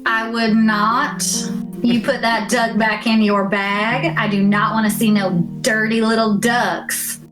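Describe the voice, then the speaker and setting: A woman's voice: fairly high pitch, level tone, takes it slowly, poor audio. Woman doing a bossy Southern vampire belle, music behind. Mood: bossy, impatient. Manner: folksy, scolding, exasperated.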